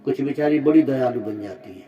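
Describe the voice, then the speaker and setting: A man with a medium-pitched, animated voice delivers a brisk devotional sermon, retelling a religious story and appealing to the mothers present. He shifts sharply between loud exhortation and quiet asides, heard on a muffled, distant mic with music.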